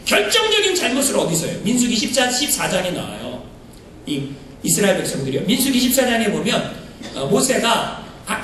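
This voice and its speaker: High-voiced, lively male preacher in an echoey church. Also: recorded from a distance, a little hiss or hum. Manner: animated preaching with rhetorical questions to the congregation; bursts into loud emphatic peaks. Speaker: pastor. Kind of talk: sermon. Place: church sanctuary. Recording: echoey hall, mic from afar.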